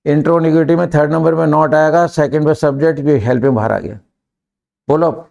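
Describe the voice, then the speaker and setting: A man with an Indian accent teaching a live English class, drilling students and pushing them to answer quickly. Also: on the high side, steady tone, gravelly, warm tone, muffled recording.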